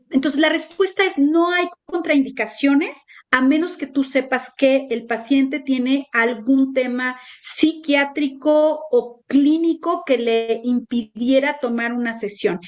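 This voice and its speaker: A woman, a color therapist answering interview questions with reassuring examples. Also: a little high.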